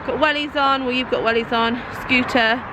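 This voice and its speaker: A heavily pregnant young woman vlogs in a chatty, giggly, self-mocking way, sounding tired and a little out of breath. Her voice sits fairly high. The handheld camera picks up a clear wash of outdoor noise behind her. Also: steady tone, moderate pace. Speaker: vlogger. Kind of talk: casual vlog chat. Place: outdoors on a rainy walk and at home.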